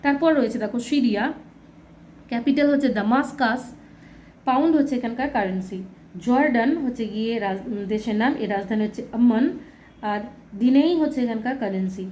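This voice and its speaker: A woman with a somewhat high voice teaches a children's lesson in a plain, explaining way. She spells out words and repeats points so the children do not mix them up. Faint hiss runs behind her voice. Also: brisk, a little mellow, lo-fi sound. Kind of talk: reading through a textbook lesson for children.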